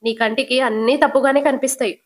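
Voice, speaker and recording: A domineering middle-aged mother-in-law snaps out scolding orders, voiced by a woman. Her voice rides somewhat high. Temper is always close to the surface. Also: fairly even intonation, fast talker. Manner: scolding, sharp.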